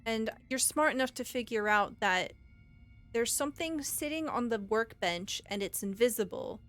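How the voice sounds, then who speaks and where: A woman's voice: fairly high pitch, expressive, moderate pace, fairly bright tone. A woman narrating a tabletop roleplaying game as game master, with descriptive, suspenseful storytelling.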